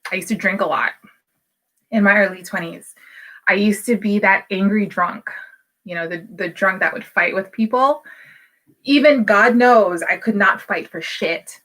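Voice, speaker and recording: A woman's voice: medium pitch, measured pace, fairly bright tone. A woman in her thirties from Hawaii, a business coach talking candidly to camera in a casual, motivational way, with many fillers. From Hawaii, United States. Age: 30s. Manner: candid and personal, with frequent fillers.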